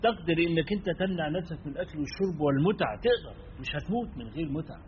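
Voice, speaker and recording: A man with an Egyptian accent preaching a sermon, turning from emphatic stress to quiet asides and checking in with his listeners. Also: on the high side, expressive, very fast. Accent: Egyptian Arabic. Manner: swings between emphatic and hushed, asks listeners "right?". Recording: dull lo-fi recording with faint noise.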